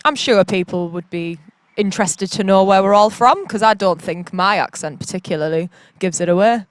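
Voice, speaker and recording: A woman from Durham in northeast England chats outdoors in a rambling, upbeat way, a band member asking questions in casual conversation. Her medium-pitched voice moves at normal speed, and the recording is dry.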